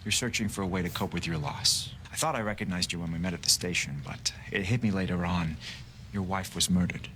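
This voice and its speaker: A charismatic, manipulative speaker with a very deep, smooth voice. He talks in a measured, persuasive way over faint background noise. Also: fairly bright tone. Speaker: TV drama character.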